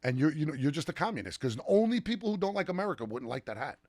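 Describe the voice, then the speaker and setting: A man's voice: fairly high pitch, sing-song, very fast, darkish tone, no echo, clean studio sound. A young man co-hosting a sports podcast, rambling, teasing and swearing in casual chat. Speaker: podcast co-host.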